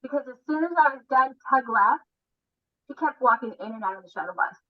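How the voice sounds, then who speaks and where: A woman's voice: sits high, animated, a little fast, dull audio. A woman guest on a podcast chatting casually about grooming dogs, telling her stories animatedly and acting out the voices of the people she quotes. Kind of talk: casual storytelling chat.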